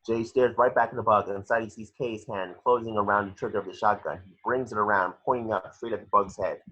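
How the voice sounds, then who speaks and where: Pushed and bright, a man's fairly low voice reads scripted action as narrator at an amateur table read, staying steady in tone while talking fast. The recording is a dull, lo-fi one made at home.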